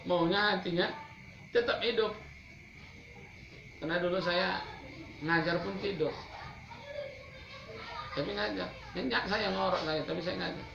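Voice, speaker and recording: A man gives a chatty, teasing sermon, firing rhetorical questions and answering them himself. His voice is gravelly. The recording is dull and lo-fi, with a roomy echo and steady noise behind him. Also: sits high, unhurried, long pauses. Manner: chatty, teasing preaching with laughs. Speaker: Islamic preacher. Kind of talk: sermon to a congregation.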